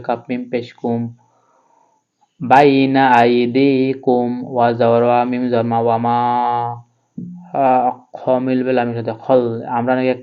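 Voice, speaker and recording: Male Quran tutor, flat and smooth delivery, slightly dull audio; spells letters, then chants. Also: mid-range voice. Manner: spells out letters and vowel marks slowly, then chants the verse. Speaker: Quran reading teacher. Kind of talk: step-by-step spelling lesson.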